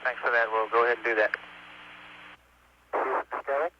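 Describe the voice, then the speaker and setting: Muffled spacecraft radio, faint noise, male astronaut, halting technical reports, matter-of-fact. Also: mid-range voice, steady tone. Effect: spacecraft radio transmission. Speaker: astronaut aboard a space shuttle.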